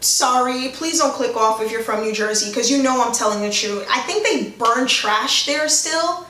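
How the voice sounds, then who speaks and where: A woman's voice: high voice, normal speed, pushed and bright, echoey room, distant mic, a little hiss or hum. A woman from New York with a New York accent, chatting frankly to camera in a casual vlog, full of "like". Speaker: vlogger.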